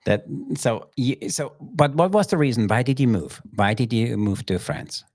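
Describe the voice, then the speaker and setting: A man's voice: medium pitch, lively intonation, moderate pace, darkish tone, no echo, clean studio sound. A man hosting a podcast interview, asking rambling questions with restarts. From Austria. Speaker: podcast host. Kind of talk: casual interview.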